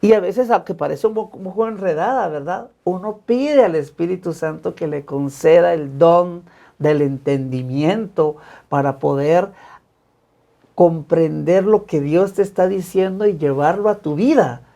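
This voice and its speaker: Un hombre religioso católico que cuenta su testimonio de fe en una entrevista, de manera sincera y con repeticiones enfáticas. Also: male voice, fairly high pitch, unhurried, vocal fry, dark tone, lo-fi sound. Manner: earnest, emphatic repetitions. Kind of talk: personal faith testimony in conversation.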